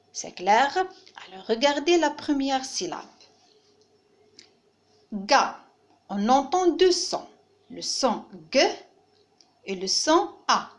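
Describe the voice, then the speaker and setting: A woman teacher giving a reading lesson to young children, patiently repeating each word and splitting it into syllables. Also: fairly high pitch. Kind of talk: French phonics lesson for children.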